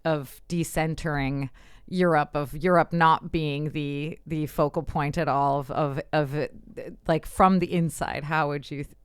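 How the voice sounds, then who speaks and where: Brief: woman podcast host, very low smooth voice, close dry mic, attentive and thoughtful. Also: steady tone, unhurried, no room sound. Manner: engaged, affirming, theorizing at length. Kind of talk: conversational interview.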